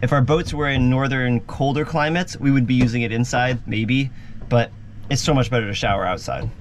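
A man's voice: mid-range voice, normal speed, slight background noise. A man hosting a vlog, giving a casual, upbeat tour inside a sailboat cabin and talking straight to his viewers.

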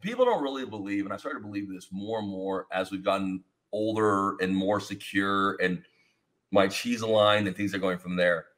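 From an indoor home studio with foam panels on the wall, a podcast host in his thirties rambles energetically through stories on a video call, gesturing expressively. His voice is lowish and his speed normal.

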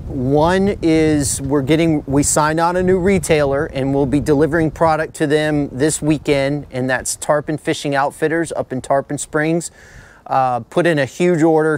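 A man's voice: mid-range voice, smooth, no room sound. A middle-aged man hosting a fishing forecast outdoors on a boat, talking plainly and chattily, often repeating himself. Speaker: fishing channel host.

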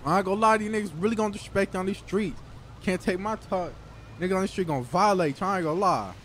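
A man improvising street role-play banter in a slangy, profane, excitable way. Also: high-pitched, fast talker, a little hiss or hum. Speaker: gaming streamer playing a street character in online role-play.

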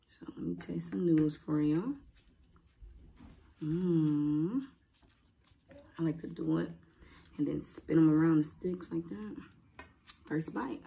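A woman's voice: deep voice, takes it slowly, vocal fry, pauses often, warm tone. A young adult woman chatting casually as a mukbang host, rambling and muttering informally to herself between bites. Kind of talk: casual chat while eating. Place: indoors at home, cloth backdrop.

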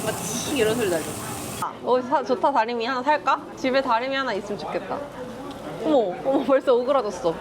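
A woman food vlogger chatting playfully as she eats, full of quick exclamations. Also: on the high side, animated. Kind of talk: casual mukbang chat. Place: busy restaurant. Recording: restaurant crowd chatter behind. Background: diners chattering.

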